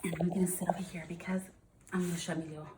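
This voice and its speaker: This teacher talks fast in a lowish, level voice, with heavy noise in the background. She reads aloud to a first-grade class, using simple explanations and leaning on key words.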